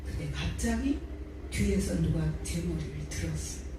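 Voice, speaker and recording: A woman's voice: expressive, moderate pace. Woman preaching in an echoey church hall. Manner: emotional storytelling, pitch rising in climaxes. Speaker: preacher giving testimony. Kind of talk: testimony sermon. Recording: echoey church hall from far off, faint noise.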